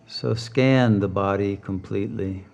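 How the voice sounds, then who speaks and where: A meditation teacher guides a session in a calm, deliberate way, leaving long pauses. His voice is gravelly and sits on the low side.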